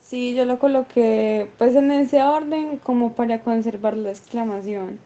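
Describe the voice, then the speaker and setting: A woman's voice: a little high, a little slow, dark tone. Hesitant female student on a muffled call. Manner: hesitant, with fillers. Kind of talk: answering in an online class. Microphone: video call. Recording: dull lo-fi call audio with faint noise.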